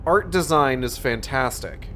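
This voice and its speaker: A man's voice: medium pitch, animated, measured pace, sharp tone, a little hiss or hum. A man giving sarcastic, sweary running commentary on a game. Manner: sardonic, sweary. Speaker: game streamer.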